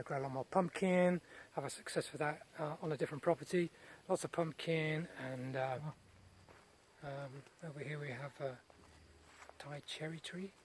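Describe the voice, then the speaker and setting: A man giving a casual, unscripted garden tour outdoors, speaking in short phrases with pauses between them. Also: fairly high pitch. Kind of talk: casual rambling vlog narration. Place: outdoors in a large rural garden. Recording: noisy outdoor recording with nature sounds.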